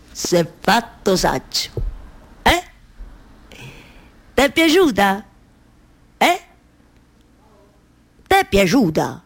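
Una donna che interpreta Penelope, moglie malinconica e chiacchierona, in un monologo teatrale con accento romano e ripetizioni insistenti. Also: female voice, on the high side, vocal fry, full character voice. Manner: colloquial, insistent repetition. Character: Penelope, long-waiting wife, wistful, chatty storyteller of Ulysses' journey. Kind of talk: theatrical monologue storytelling with live music.

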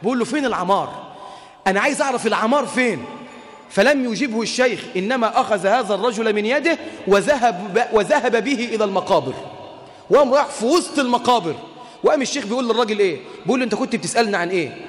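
A man's voice: sits high, expressive, very fast, in a large hall. A man with an Egyptian accent preaching a sermon. He tells stories in colloquial speech and moves into raised, emotional recitation. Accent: Egyptian Arabic. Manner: emotional, shifts between colloquial storytelling and lofty recitation. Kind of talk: Islamic sermon with storytelling.

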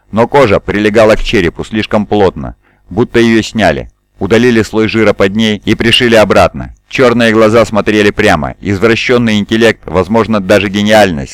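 A man reading an audiobook in a measured, even narration. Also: on the low side, no room sound. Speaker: audiobook reader. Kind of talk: scripted narration.

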